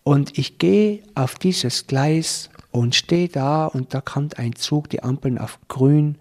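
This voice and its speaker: A man earnestly recounting a personal experience, slowing down as he reflects at tense moments. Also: on the high side, a little mellow. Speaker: person telling his own life story. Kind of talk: personal testimony.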